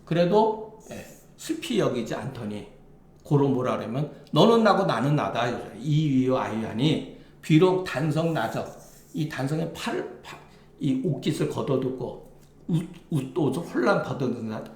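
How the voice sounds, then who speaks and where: Guy explaining classical chinese line by line, keeps saying "yes" to himself, pitch bouncing around, echoey room. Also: expressive, unhurried, a little mellow. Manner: reads passages then glosses them plainly, with frequent "예" asides. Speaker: lecturer on classical Chinese texts.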